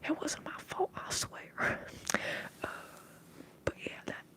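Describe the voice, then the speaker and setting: A woman from the upper Midwest of the United States adopts an affected Southern American accent. She speaks softly and hesitantly while hosting a livestream of ASMR bartender roleplay.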